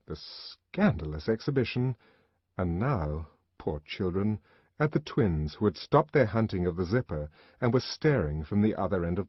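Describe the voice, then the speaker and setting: Male audiobook narrator, husky, low voice, very lively pitch, dry close sound, dull lo-fi recording. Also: no room sound. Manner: dramatic, expressive reading. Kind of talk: scripted literary narration.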